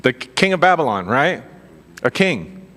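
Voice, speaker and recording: A man's voice: a little high, big pitch swings, normal speed, pushed and bright. A man giving an informal sermon as a Bible teacher, talking conversationally, asking his listeners questions and adding dry asides. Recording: long reverb of a large hall.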